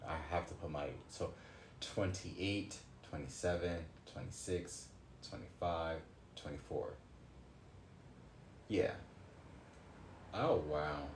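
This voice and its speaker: Speaking slowly with long pauses, this deep-voiced streamer in his late twenties does a card reading on a livestream, ranting loosely, thinking aloud, cursing, and exclaiming suddenly. A bit of hiss or hum sits under the echoey room's faint ambience.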